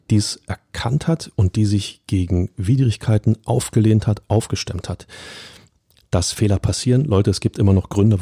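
A man's voice: on the low side, mellow, slightly rough, dry recording, studio quality. A man chatting casually about football as a pundit on a podcast, emphatic and colloquial, speaking straight to his listeners. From Berlin.

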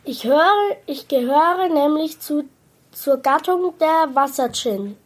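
A woman's voice: high-pitched, expressive, slow pace, voice pushed up. A woman reading a leisurely fat old water genie. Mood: cheerful. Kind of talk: reading a children's book aloud.

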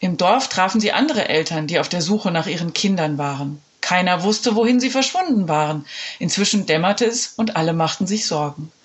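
A woman narrating a children's story aloud. Her voice rises and falls with lively, expressive melody. She tells the tale at an easy, storytelling pace. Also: lowish voice, fairly quick, husky.

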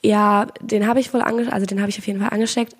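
A woman in her twenties chatting casually as a podcast co-host, self-ironic, with a hoarse, raspy smoker's voice. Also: medium pitch, little pitch movement, fast. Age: 20s.

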